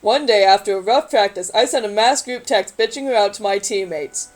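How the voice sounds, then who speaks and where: A woman's voice: mid-range voice, fairly quick, rough recording. A woman reading a magazine story aloud in a casual group chat, adding wry, sarcastic asides.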